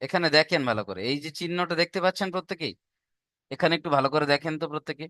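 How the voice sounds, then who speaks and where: Speaking rapid-fire in an animated, pushed and bright voice on the high side, a Quran recitation teacher gives an online lesson. He patiently repeats material and frequently checks whether students have grasped it. Studio quality, no echo.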